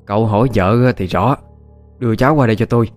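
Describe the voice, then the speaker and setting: A man's voice: on the low side, quick pace, soft background music, close to an everyday voice. A man voicing a harsh, suspicious older mother-in-law, who scolds and accuses. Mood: scolding. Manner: scolding, accusing, sharp-tongued.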